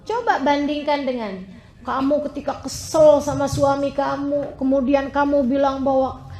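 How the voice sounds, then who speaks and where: A woman's voice: normal speed, roomy sound, a faint crowd. A woman preacher giving an emotive sermon and telling stories with wide swings of expression. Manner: animated, emotive storytelling with wide pitch swings.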